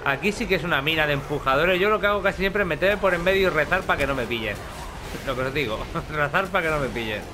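A man giving chatty, excitable gameplay commentary with casual swearing. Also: a little high, fast talker, noisy background. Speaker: gaming video host.

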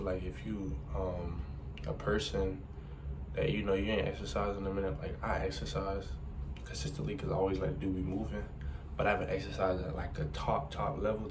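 A man's voice: low voice, distant mic, noisy background. A young man talking to camera in a small room for his vlog, laid-back and rambling, often checking in with "you know what I'm saying". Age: young adult. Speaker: vlogger. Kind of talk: casual vlog talk to camera. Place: small indoor room at home.

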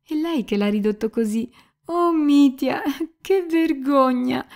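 A woman's voice: high-pitched, slow, darkish tone, pitched above the performer's own voice. A woman reading an audiobook and voicing a passionate, tearful young woman with a pleading, emotional manner. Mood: anguished.

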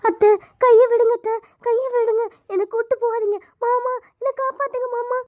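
A woman's voice: very high voice, a little fast, no echo, dull audio. A woman voicing a frightened young pregnant wife who begs her in-laws in a cartoon. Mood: pleading. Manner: pleading, tearful.

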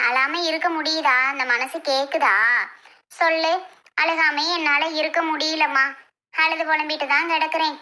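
A woman doing a plaintive grieving aunt. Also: high voice. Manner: plaintive, soft. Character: grieving middle-aged aunt. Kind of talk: homemade family skit.

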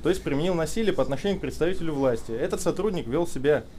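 Man, bystander filming, calm, legalistic, quick, close to the camera, faint noise behind. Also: fairly high pitch. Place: indoor metro service room. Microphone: camera he is holding.

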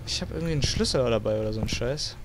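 A man's voice: medium pitch, expressive, racing, background noise. A young man, commenting on a horror game with sarcastic, swearing remarks and English words mixed in. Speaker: let's play gamer.

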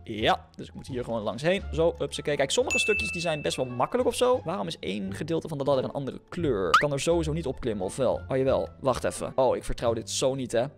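A young man with a Dutch accent giving casual commentary on his own gameplay, chatty and reacting out loud with yelps and repeated words. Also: medium pitch, big pitch swings, fast, few pauses. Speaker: gaming YouTuber. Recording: music clearly under the voice.

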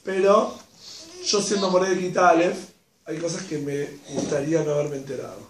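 A man with an Argentine accent giving a religious class to an audience, animated, acting out quotes in a raised voice. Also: on the high side, moderate pace. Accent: Argentine Spanish. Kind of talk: lively class talk to an audience. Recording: echoey room, mic far off, faint noise.

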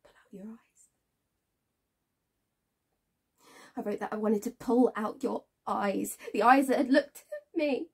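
In a naturalistic dramatic stage monologue, a woman plays a wounded, bitter young woman confronting her past abuser. Her voice is breathy and high, her mood anguished. She speaks haltingly, repeats phrases, and swings between hushed and intense.

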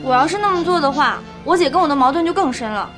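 A sharp-tongued but soft-hearted young woman in a TV drama. Her voice sits very high and moves quickly. She scolds as she talks, with drama score music playing clearly underneath. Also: expressive. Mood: anxious. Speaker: lead character. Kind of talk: TV drama acting.

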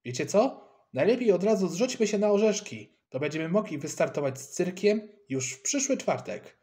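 Male reader doing a bragging little boy, cheeky, lively tune. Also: high-pitched, moderate pace, pitched above the performer's own voice. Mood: eager. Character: boastful rich schoolboy, show-off.

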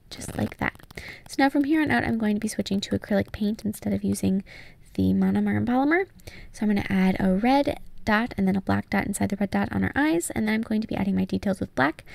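A woman's voice: medium pitch, gravelly, darkish tone, no room sound. A young woman giving casual, step-by-step tutorial narration as the host. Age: young adult. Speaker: nail art tutorial host.

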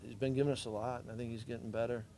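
Flat-voiced middle-aged coach. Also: male voice, medium pitch, racing, a little hiss or hum. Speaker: head football coach. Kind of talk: postgame press conference answers.

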